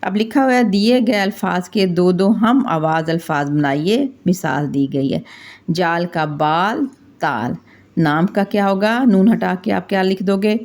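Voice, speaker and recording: A woman's voice: on the low side, a little mellow. A woman teaching young children, patiently asking questions and answering them step by step. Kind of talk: classroom lesson for young children.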